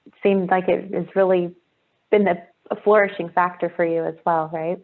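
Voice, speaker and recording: A woman's voice: lowish voice, fairly even intonation, normal speed. A woman hosts an online interview series from a video call, and her voice comes through thin and phone-like. She talks in an effusive, complimentary way, with plenty of praise for her guest. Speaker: host. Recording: phone-like narrow sound.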